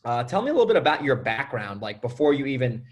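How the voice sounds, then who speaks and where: Fast-talking casual male podcast host. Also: mid-range voice, sing-song. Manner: casual, peppered with dude and bro. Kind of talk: casual interview chat.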